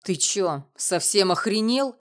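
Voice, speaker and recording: A woman reading an audiobook, voicing a huge, burly older male neighbor with a husky, gruff, growling voice. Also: lowish voice, normal speed, lightly acted. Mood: angry.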